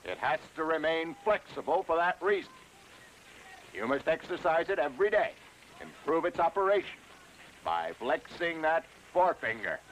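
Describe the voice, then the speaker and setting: A bossy army drill sergeant who barks clipped orders at his squad. His voice sits high and swings widely up and down. The tone is bright and sharp, and he drags the words out slowly. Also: very animated, a little hiss or hum, low-quality recording. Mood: lecturing. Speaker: drill instructor.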